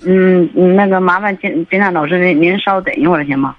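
A woman's voice: lowish voice, dry recording. Rambling woman calling in by phone. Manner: halting, rambling, many restarts and fillers. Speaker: caller. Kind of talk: call-in radio conversation. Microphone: telephone. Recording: dull phone line.

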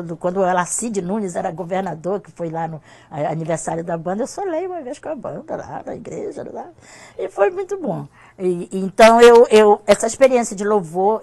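A woman's voice: medium pitch, darkish tone. An older woman giving an emotional personal testimony as a guest on a church talk show. She often repeats herself, and her voice rises when she is moved.

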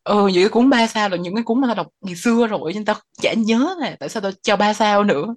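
A woman's voice: mid-range voice, quick pace. A woman co-hosting a casual book podcast, talking bluntly with slang and trailing off her sentences. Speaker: podcast co-host.

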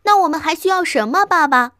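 An eager little fox cub, young and excitable, high-pitched and breathless, as a woman storyteller puts him on. The voice bounces all over, recorded dry and close. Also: a little fast, dry recording, exaggerated voice. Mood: curious.

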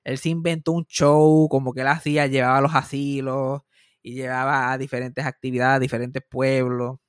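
A man with a Puerto Rican accent tells a long story on a podcast in loose, rambling chat, swearing freely and restarting his sentences. His voice sits at an ordinary middle pitch. The sound is dry and close, with no room echo. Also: little pitch movement, normal speed, clean tone. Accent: Puerto Rican Spanish. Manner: rambling and profane, with frequent restarts. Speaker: podcast host.

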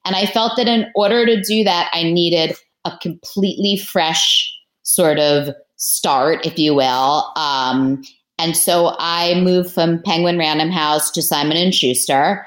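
A woman with a low, deep voice talks casually as a guest on a podcast, chatty and quick to laugh. Her voice carries the echo of a roomy space. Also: steady tone. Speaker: author guest.

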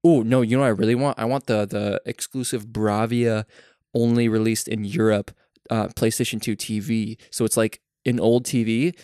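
A young man with a lowish voice talks in long, excited rambles, piling up one thought after another and then laughing at himself for going on too long. The recording is dry and close, with no room sound around him. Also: normal speed, no room sound. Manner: rambling, enthusiastic, self-deprecating, laughs often. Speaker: podcast co-host. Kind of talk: casual chat.

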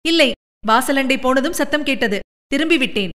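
A woman voicing a frightened young woman who cries out in a shrill, frantic voice. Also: expressive, moderate pace, a bit bright.

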